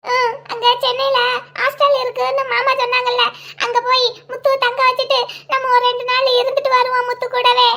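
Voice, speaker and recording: Lady doing a gentle consoling cartoon friend, really high voice. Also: monotone, a little fast. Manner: soothing, coaxing.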